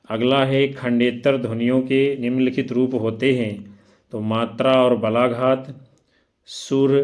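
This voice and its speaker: A man's voice: mid-range voice, a little mellow. Male teacher explaining exam questions. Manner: reads questions and options, then explains answers; spells out syllables slowly one by one. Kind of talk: exam prep lesson.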